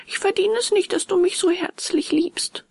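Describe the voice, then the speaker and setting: A woman voicing an excitable young wooden puppet boy in a storybook reading, high and often whispered. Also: moderate pace, creaky, no echo, clean studio sound. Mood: eager.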